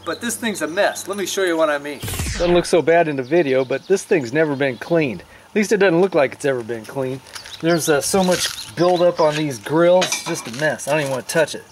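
Speaking fairly quickly in a slightly high voice, a man in his forties keeps up folksy chatter as he hosts a casual do-it-yourself demonstration, hands busy with work outdoors in a yard. Outdoor hiss, birds, and ambient outdoor sound come through behind him.

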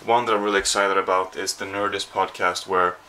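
A little fast and level, his low voice sounds pushed and bright, with some hiss or hum in the background. This young man from Sweden speaks with a Swedish accent as he rambles self-deprecatingly in a casual vlog, handheld camera at arm's length in his small apartment.

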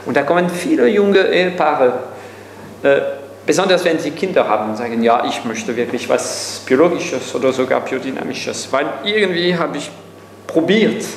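Older man, echoey hall, animated. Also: on the high side, normal speed. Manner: animated, gesturing widely, thinking aloud with many fillers. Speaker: guest speaker. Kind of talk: panel discussion answer. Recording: echoey hall with faint hum.

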